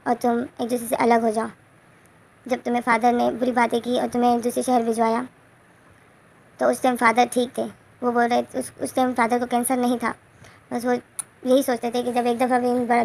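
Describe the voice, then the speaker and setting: A woman casually retells a romance story and keeps correcting herself as she goes. Her voice is gravelly and somewhat high. Her pitch stays flat. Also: a little hiss or hum. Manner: rambling, self-correcting.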